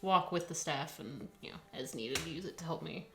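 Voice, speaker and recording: A woman's voice: sits low, normal speed. A woman in a tabletop game casually describing what her character does. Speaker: player.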